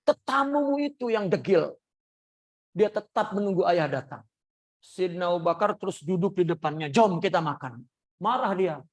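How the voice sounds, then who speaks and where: A man teaching a religious class, telling a story and acting out the voices of its people. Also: normal speed. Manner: lively storyteller acting out quoted voices with big pitch jumps. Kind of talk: sermon storytelling.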